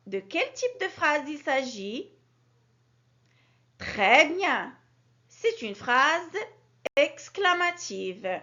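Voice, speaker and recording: A woman teaching a grammar lesson to young children, with a clear, sing-song teacherly delivery that stresses key words. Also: high voice, bright, forceful tone. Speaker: primary school teacher. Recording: dull lo-fi recording.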